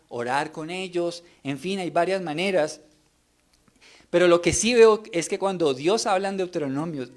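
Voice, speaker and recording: Middle-aged man, church preacher, earnest, somewhat high-pitched, asks pointed rhetorical questions. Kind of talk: sermon.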